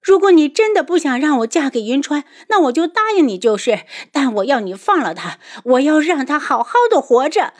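A woman voicing a fierce, headstrong young noblewoman in an audiobook, shrill and impassioned. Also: very animated, normal speed, few pauses, a little mellow. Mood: desperate. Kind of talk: audiobook character voice.

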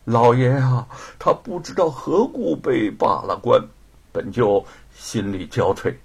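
A man's voice: medium pitch, lively intonation, a little slow, gravelly, breathy edge, exaggerated voice. A man voicing a grieving, pleading older noblewoman in a storytelling performance. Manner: pleading, sorrowful.

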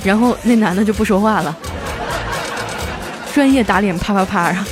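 A woman hosting a comic storytelling podcast, chatty and lively, stretching out her sentence endings. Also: medium pitch, normal speed, music in the background, crowd noise. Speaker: host.

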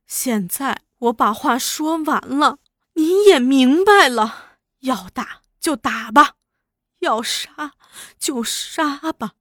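A wronged young wife in a storybook reading, pleading through sobs, as a woman reader puts her on. Her voice sits high and moves slowly. It sounds close and dry. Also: lively intonation, fairly bright tone, no echo, exaggerated voice. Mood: sobbing plea. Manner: sobbing, pleading speech.

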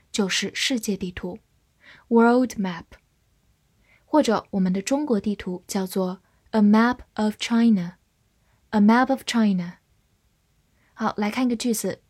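Slow breathy woman teaching English words. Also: mid-range voice, a little mellow. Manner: slow, careful spelling and model readings. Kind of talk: scripted vocabulary lesson.

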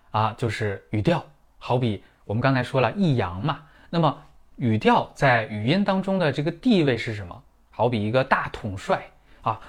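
A middle-aged man gives a pronunciation lesson and walks through each point step by step. His pitch rises and falls a lot as he stresses ideas. He is a native Chinese speaker with a steady, mid-range voice. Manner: explanatory, clear and methodical, with vivid comparisons. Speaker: German pronunciation teacher. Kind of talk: scripted lesson in Mandarin.

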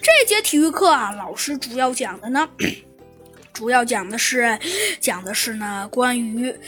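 A woman's voice: a little high, lively intonation, measured pace, fairly bright tone. A woman narrating a children's story in a hesitant, improvised way, with frequent fillers and restarts, over faint music.

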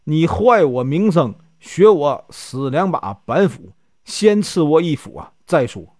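A man's voice: fairly high pitch, big pitch swings, measured pace, darkish tone, no echo, studio quality. A man voicing a fierce, hot-tempered outlaw who blusters and threatens, in a storybook telling.

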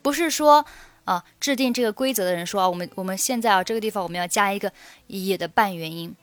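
A young woman teaching English pronunciation, explaining step by step and slowly repeating English phrases for drilling. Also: medium pitch, dry recording. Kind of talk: spoken English lesson.

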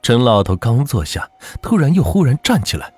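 A man narrating a folk ghost story as the channel's host, in a dramatic, lively storytelling manner. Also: medium pitch, moderate pace, breathy edge, no echo.

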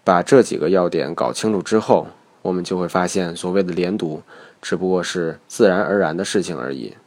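A man narrating a scripted pronunciation lesson, explaining slowly and methodically. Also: sits low, darkish tone. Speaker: English pronunciation teacher.

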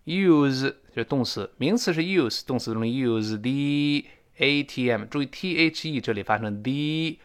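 A man's voice: medium pitch, expressive, unhurried, clear, resonant tone. A man teaching a spoken English lesson, explaining pronunciation and modeling phrases for learners to repeat.

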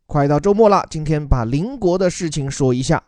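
A man's voice: a little high, animated, fairly quick, dark tone. A man teaching English on a podcast, patiently explaining a news article in Chinese and reading out English lines.

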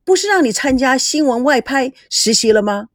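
A man's voice: very high-pitched, lively intonation, moderate pace, no room sound, clean studio sound. A woman voicing a teasing older brother who runs a TV program.

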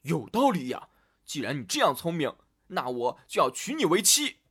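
A man's voice: a little high, very animated, moderate pace, a bit bright, husky, exaggerated voice. A man voicing an earnest young suitor in a storybook. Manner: earnest, puzzled.

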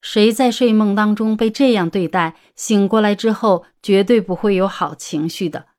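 A woman narrating an audiobook romance story in a steady storytelling manner. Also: mid-range voice, moderate pace.

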